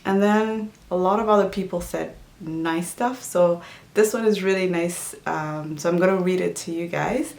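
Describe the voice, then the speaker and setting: In an echoey room, an easygoing woman from Djibouti chats through a casual health and nutrition Q&A vlog at normal speed. Her voice is on the low side, gravelly and darkish; English is not her first language, and she uses many fillers and restarts.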